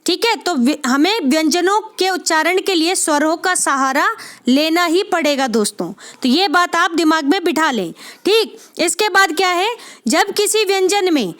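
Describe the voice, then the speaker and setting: Woman, very high-pitched, teacher, exam-prep grammar lesson, repeats key terms slowly, frequent check-ins. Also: a bit bright. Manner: repeats key terms slowly, asks and answers her own questions; frequent "theek hai" check-ins addressing viewers as friends.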